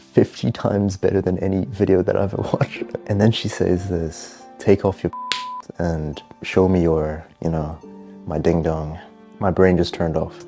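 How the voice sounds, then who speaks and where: Deep-voiced man, dark mellow tone, casual confessional storytelling, dramatic drawn-out emphasis. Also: creaky.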